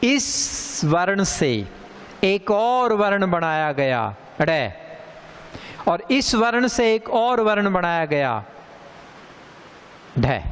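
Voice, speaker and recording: A man teaching a grammar lesson, speaking slowly and deliberately and repeating sounds for emphasis. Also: high-pitched, big pitch swings, fairly bright tone, smooth. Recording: long hall reverb.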